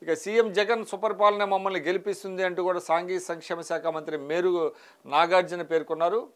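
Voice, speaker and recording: Reading out the morning's headlines, this man from the Telugu states of India tacks a short comment onto each and occasionally starts over. He is a news analyst with a high, steady, fairly bright voice and a fairly quick pace.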